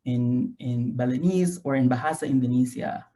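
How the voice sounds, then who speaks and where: A man's voice: mid-range voice, moderate pace, dark tone. Young male academic, Filipino accent, Taglish, mid-range voice, informal online talk. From Philippines. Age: young adult. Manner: mixes Tagalog and English (Taglish). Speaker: guest lecturer, graduate researcher. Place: home room, indoors. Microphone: video call.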